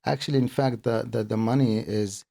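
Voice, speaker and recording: A middle-aged man from Kuwait, a guest speaking in a casual interview, earnest and halting, often repeating words as he explains. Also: medium pitch, fairly even intonation, vocal fry, warm tone. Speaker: podcast guest, accountant and business owner.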